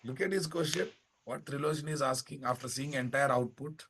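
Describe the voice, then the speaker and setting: A man's voice: medium pitch, a little fast, noisy background. A man with a Telugu Indian accent teaching a live technical class as an instructor, bluntly, repeating phrases and asking rhetorical questions. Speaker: programming instructor.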